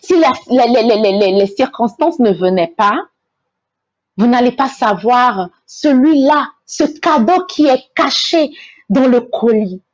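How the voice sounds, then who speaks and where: A woman's voice: fairly high pitch, animated, measured pace, no echo, lo-fi sound. A woman from Togo, hosting a faith-based inspirational talk. She speaks earnestly, repeats her key phrases and stumbles over repeated words. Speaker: host, motivational speaker.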